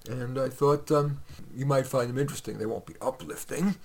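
A man's voice: medium pitch, fairly even intonation, brisk. A man reading his own short stories aloud on a podcast, in a conversational way with occasional fillers.

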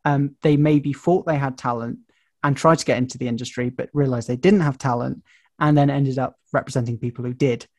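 A man's voice: medium pitch, fairly even intonation, a little fast, a little mellow, no echo. Musing man, dry close sound. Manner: chatty and musing, with hesitant restarts. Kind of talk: casual film discussion.

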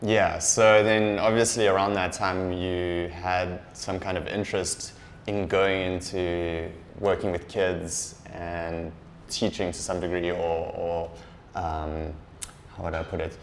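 Deep-voiced man hosting a podcast. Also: slow pace, a little hiss or hum. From South Africa. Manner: relaxed, hesitant, restarts often. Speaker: podcast host. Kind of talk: casual podcast interview.

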